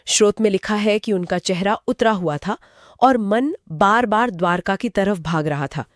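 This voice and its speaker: A woman's voice: mid-range voice, normal speed, no room sound, clean studio sound. A woman co-hosting a conversational retelling of scripture, asking prompting questions and summarizing. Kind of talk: conversational storytelling discussion.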